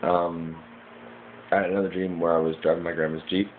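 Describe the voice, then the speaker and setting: Low-pitched American male, casually piecing dreams together in a hazy, puzzled ramble, on a muffled lo-fi recording. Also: level tone, fairly quick. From United States, Michigan. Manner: hazy, puzzled, groping to remember. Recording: muffled lo-fi with clear background noise.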